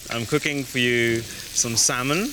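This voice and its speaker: Man from London, contestant, cheerful, studio kitchen, loud sizzling behind. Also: mid-range voice, slow pace, background noise. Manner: cheerful, laughs often.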